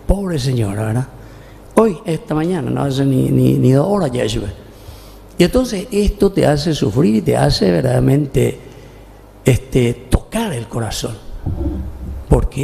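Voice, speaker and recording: A man's voice: mid-range voice, gravelly, dark tone, a little hiss or hum. A middle-aged man with a Paraguayan Spanish accent, a parish priest giving a folksy, conversational homily at Mass and often asking "¿verdad?". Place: church. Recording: long church reverb.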